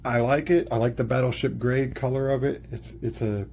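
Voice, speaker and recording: Gravelly but slightly mellow, this man's mid-range voice stays steady in tone and moves fairly quickly. A product reviewer, he walks through a casual demonstration plainly, step by step. Faint noise and room ambience come through.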